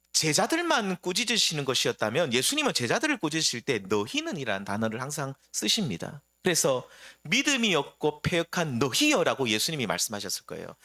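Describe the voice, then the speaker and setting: Middle-aged male pastor, sermon delivery, bright tone, rhetorical questions. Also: a little high. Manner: expressive preaching with rhetorical questions.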